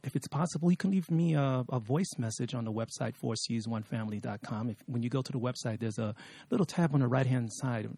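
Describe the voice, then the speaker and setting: A middle-aged man hosting a podcast from an office studio, chatty and lively, with many fillers as he talks to his guest. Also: medium pitch, husky, no echo. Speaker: podcast host.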